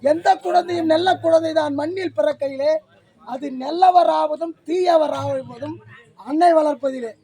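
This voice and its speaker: A man's voice: very high voice, unhurried. A man playing a ranting old hermit father. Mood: preachy. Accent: Tamil Nadu. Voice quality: shouting, declaiming, scolding. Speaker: stage actor playing a sage father. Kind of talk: village stage drama.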